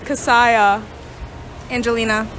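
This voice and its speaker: Bright, high-voiced young woman. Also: flat delivery, slow, slight background noise. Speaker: interviewee.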